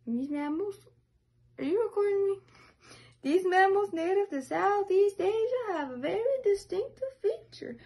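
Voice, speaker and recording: Very high-pitched young woman reading aloud. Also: lively intonation, normal speed, a little mellow. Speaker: reader. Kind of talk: reading aloud playfully in a put-on funny accent. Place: small room at home. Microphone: phone held at arm's length.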